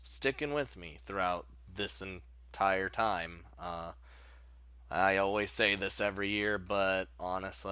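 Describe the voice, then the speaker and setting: This countdown video's host is a man whose voice sits low, sharp, clear, and resonant, recorded without echo. He chats informally and rambles, chuckling often, while music plays underneath.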